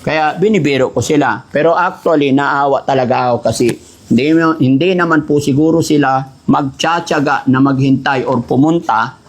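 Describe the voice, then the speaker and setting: A man vlogging in casual chat, scolding loudly during a prank and then speaking calmly and politely to his viewers. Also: mid-range voice, moderate pace.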